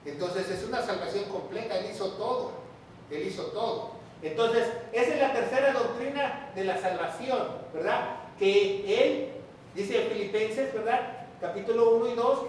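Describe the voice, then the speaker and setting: A pastor with a high voice teaches from the Bible in an emphatic sermon, repeating his points and firing rhetorical questions at the congregation. The sound is very echoey and distant, as if picked up far from the pulpit, with a faint hiss and rumble underneath. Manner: emphatic, repeats key phrases, asks the audience rhetorical questions. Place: church or large hall, with the sermon streamed online. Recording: very echoey room, voice far from the mic.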